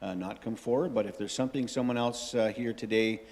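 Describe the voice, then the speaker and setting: A man's voice: mid-range voice, steady tone, a little fast, a little mellow. A man chairing a council meeting as mayor, courteous, with frequent uhs. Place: council chamber. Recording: council chamber with long reverb.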